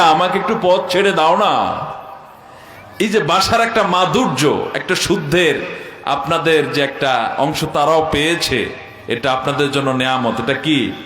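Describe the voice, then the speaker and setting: Male preacher, bright forceful voice, rhetorical questions, loud declaiming and low asides, echoey loudspeaker sound. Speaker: preacher at a Quran commentary gathering. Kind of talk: Bengali waz sermon. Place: outdoor religious gathering with loudspeakers. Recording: echoey public address sound.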